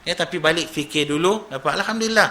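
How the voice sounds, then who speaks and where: A man, a preacher telling stories in an animated, conversational sermon and mixing in English words. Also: on the high side, fast. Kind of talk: storytelling sermon.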